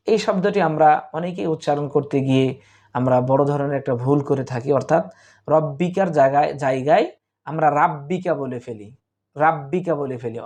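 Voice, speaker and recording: Slow, patient Bengali Quran teacher. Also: male voice, fairly high pitch, darkish tone. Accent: Bangladeshi Bengali. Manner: slow, drawn-out spelling of letters and vowel marks, then recited Arabic words; repeats syllables patiently for students. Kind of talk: spelling-out Quran reading lesson.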